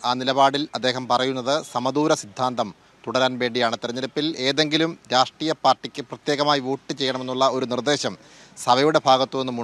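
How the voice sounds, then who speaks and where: A man's voice: medium pitch, fairly bright tone. A man in his thirties reporting live for a news channel from outdoors, explaining steadily with a few small restarts. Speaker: field reporter. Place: outdoors in front of trees. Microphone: handheld channel mic.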